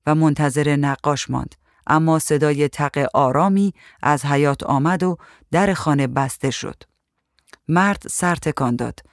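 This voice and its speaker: Brief: male story reader, steady narration, slightly high pitch, no room echo. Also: clean studio sound. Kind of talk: storybook reading.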